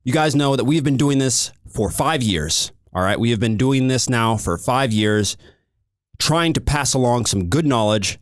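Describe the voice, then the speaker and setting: A man's voice: mid-range voice, lively intonation, a little slow, no room sound, studio quality. An American man hosting a podcast, ranting in a heated, emphatic monologue. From United States. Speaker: podcast host.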